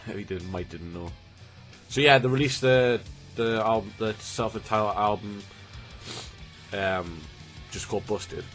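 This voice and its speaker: A Newcastle YouTuber in his 20s speaks in a fairly low register, his voice slightly blocked and snotty from a cold. He chats loosely to camera, circling back with frequent ums and restarts while faint music plays quietly behind.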